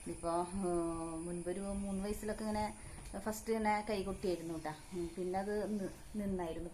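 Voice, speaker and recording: A mother with a Kerala Malayalam accent, talking in a home vlog. She coaxes her young son in a sing-song voice and calmly explains things to the viewers. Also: medium pitch, slight background noise. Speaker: mother of the vlog's child. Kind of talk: casual home vlog talk with her child.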